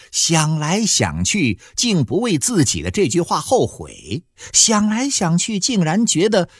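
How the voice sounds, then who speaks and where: A man narrating a novel in a folksy storytelling manner with drawn-out fillers. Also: medium pitch, breathy edge, no echo, clean studio sound. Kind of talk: audiobook storytelling.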